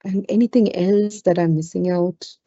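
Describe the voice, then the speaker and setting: Mellow low-voiced Indian-accented woman. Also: steady tone, moderate pace. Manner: conversational, with frequent "you know" asides. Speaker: webinar trainer. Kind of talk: informal live webinar talk with audience questions. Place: indoors on an online webinar call. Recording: roomy, dull lo-fi webinar audio.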